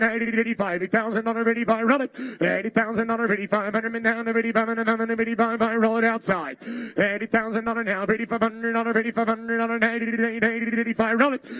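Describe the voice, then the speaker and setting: A man's voice: very high-pitched, pushed and bright, no echo. A man working as an auctioneer, calling bids in a rolling, repetitive chant of numbers. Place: live car auction.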